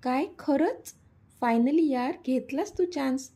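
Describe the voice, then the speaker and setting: A woman's voice: high voice, measured pace, warm tone. A woman voicing an affectionate, teasing young mother, coaxing and playful, in a storybook reading.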